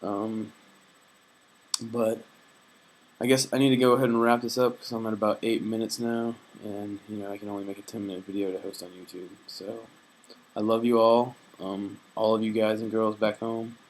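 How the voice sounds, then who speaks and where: Poor audio captures a young man's personal video diary, his low-ish voice moving little in pitch at a normal speed. Earnest, reflective and faith-minded, he sounds homesick and hesitant, restarting often and leaning on fillers.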